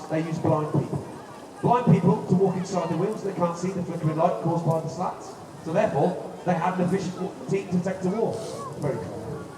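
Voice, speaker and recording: A man presenting a live outdoor demonstration in an emphatic, theatrical showman's manner. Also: fairly high pitch. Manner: showman-like, emphatic, dramatic delivery to a crowd. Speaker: live show presenter at a castle attraction. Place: outdoors at castle grounds before a crowd. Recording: echoey distant outdoor PA, noisy crowd.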